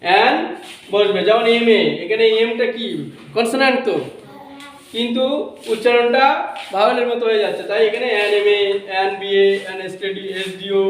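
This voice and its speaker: High-voiced male teacher in an echoey classroom. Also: fairly even intonation, brisk. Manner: asks questions and repeats answers. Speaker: English teacher. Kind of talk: classroom grammar lesson. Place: coaching classroom.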